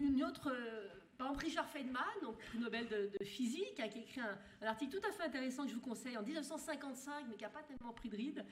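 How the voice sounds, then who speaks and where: A woman with a high voice is giving a university lecture in a lecture hall, and the recording has a roomy hall sound. She speaks in halting bursts, restarting often, and poses rhetorical questions to her audience.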